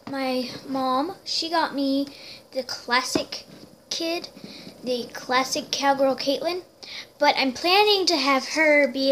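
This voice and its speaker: A high, light-voiced girl rambles through a casual show-and-tell vlog, filled with little squeals and "um"s. She talks at an easy, unhurried pace into a handheld camera at home, with faint noise underneath. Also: fairly bright tone. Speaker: toy horse collector vlogger.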